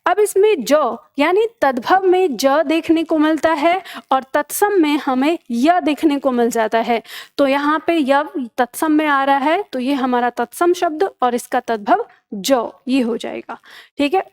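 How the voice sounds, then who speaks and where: High-voiced woman teaching Hindi grammar. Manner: explains patiently, repeating each word pair. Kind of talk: exam-prep grammar lesson.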